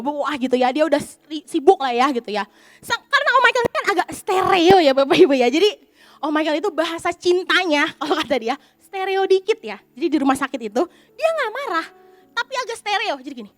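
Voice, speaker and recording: Young woman pastor, high voice, very lively pitch, dry close sound, sermon storytelling. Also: no echo. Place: church.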